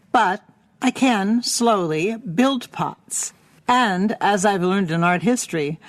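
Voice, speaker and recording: A woman's voice: mid-range voice, dry recording. A woman hosting a podcast, reading an earnest intro and then asking an artist about her work. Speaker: podcast host.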